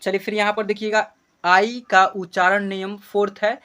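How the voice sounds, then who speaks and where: A man's voice: high voice, level tone, moderate pace, sharp tone. A man teaching English pronunciation rules in a classroom-style lesson. He spells each word letter by letter, often checks whether the students follow, and corrects himself mid-sentence.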